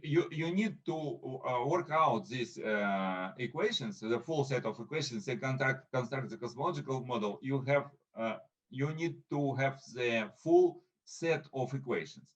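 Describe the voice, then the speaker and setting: Man giving a halting conference talk. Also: mid-range voice, lively intonation, low-quality recording. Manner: halting, hesitant phrasing with frequent pauses. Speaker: invited speaker.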